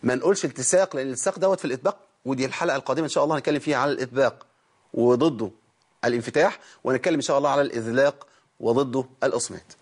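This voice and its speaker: A weary man teaches tajweed on television, his Egyptian Arabic accent clear as he explains each step, models sounds, and quizzes the viewers. His medium-pitched voice has a breathy edge, and he talks in a rapid-fire stream.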